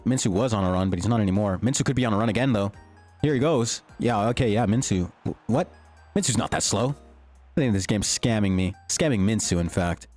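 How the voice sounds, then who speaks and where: A young man giving excited, slangy commentary over his own gameplay, his voice starting to go. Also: fairly low pitch, a little fast, faint music behind. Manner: hyped, slangy, swings between joking and shouting. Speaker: gaming YouTuber. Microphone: desktop mic, peaking.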